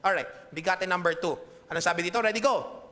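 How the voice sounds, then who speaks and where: A pastor with a Filipino accent delivers a conversational sermon in a church hall, frequently checking in with his congregation. His high-sitting voice is sharp and a little fast, and the hall adds an echoey reverb.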